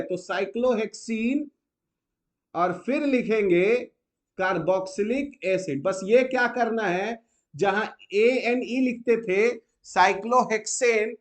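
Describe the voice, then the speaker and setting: A man with a high-pitched voice teaches chemistry step by step. He slows down to spell out each name part and keeps checking in with his students. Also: a bit bright. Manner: asks students frequent check questions.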